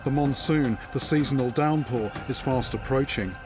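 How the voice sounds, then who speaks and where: Male presenter for nature documentary narration; mid-pitched, measured and suspenseful storytelling, scored with music.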